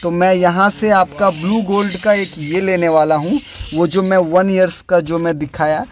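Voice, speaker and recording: A young adult man, a bird breeder who vlogs, narrates a casual voice-over dubbed in after filming, with no mic on site. He sounds high-pitched and chatty at a normal speed with fairly even intonation, calling the listener "friend" again and again over slight background noise.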